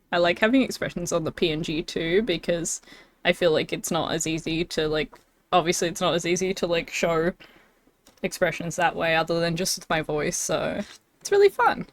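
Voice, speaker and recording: A woman's voice: lowish voice, steady tone, normal speed, a little hiss or hum. Bubbly giggling young woman streamer. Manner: bubbly and giggly, many fillers. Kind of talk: casual live-stream chat.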